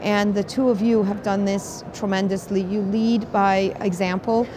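Against a clearly noisy conference background, an interventional cardiologist hosts an interview, her manner effusive and emphatic. She is a woman with a steady, mid-range voice at normal speed.

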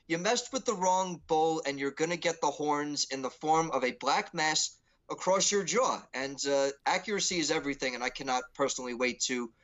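An animated man co-hosting a casual wrestling preview. His voice sits a little high and he breaks down the matches with playful energy. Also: normal speed, highs cut off. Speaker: co-host.

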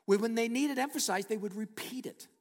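A middle-aged man preaching a sermon, slowing down and dropping to a hushed near-whisper for emphasis. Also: very high voice, creaky, big-room sound. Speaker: pastor.

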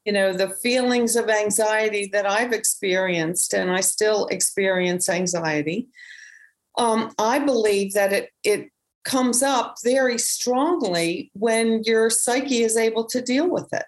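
A woman with a medium-pitched voice speaks unhurriedly and reflectively in casual conversation. She often restarts her sentences and uses fillers as she thinks.

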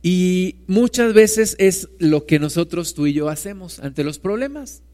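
Conversational male preacher, clear voice. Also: high voice, expressive, unhurried, mellow. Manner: conversational, asks "right?" often. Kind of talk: sermon with Bible reading.

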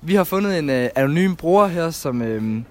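A man's voice: on the high side, animated, darkish tone. Casual male podcast co-host. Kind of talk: casual chat.

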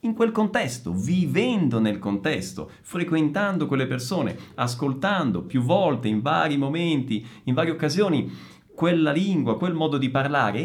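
Lively Italian man teaching learners. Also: a little high. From Italy, family from Sicily. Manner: lively, emphatic, asks "no?" to check understanding. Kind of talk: explaining to learners.

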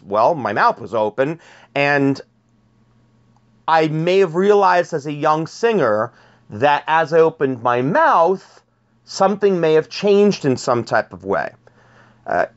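A man's voice: on the high side, muffled recording. A man giving a spoken workshop on teaching young singers, explaining step by step with fillers and repeated words. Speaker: vocal pedagogy teacher.

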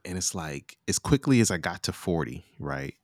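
A man's voice: low voice, expressive, normal speed, a little mellow, no echo, studio quality. A man in his late thirties chatting casually about scripture, laid-back and slangy, laughing often. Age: 30s. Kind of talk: casual Bible study chat.

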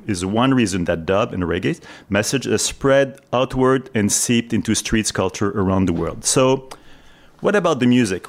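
A man presents live on the radio in a fairly low voice. He talks in an earnest, explanatory way, partly as if from prepared notes. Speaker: radio host. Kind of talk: live radio talk, semi-scripted explanatory narration.

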